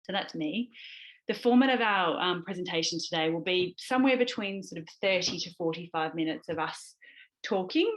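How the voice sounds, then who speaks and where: A woman's voice: fairly low pitch, moderate pace, low-quality recording. A woman with an Australian accent presenting a webinar over a video call from her home in the middle of a move, chatty and full of fillers and restarts. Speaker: webinar presenter, leadership specialist. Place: home mid-move, indoors.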